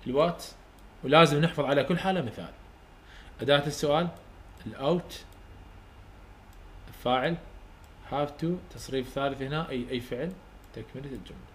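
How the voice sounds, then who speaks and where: A man with an Iraqi Arabic accent, a university English tutor giving a lecture, repeating each rule slowly so students can write it down and explaining in casual, colloquial terms. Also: medium pitch, a bit bright, slight background noise. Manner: repeats rules slowly for dictation.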